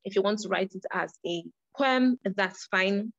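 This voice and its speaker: A woman's voice: medium pitch, unhurried, dry recording, highs cut off. A young woman leading a creative writing workshop, earnest, often repeating and restarting her phrases. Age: young adult.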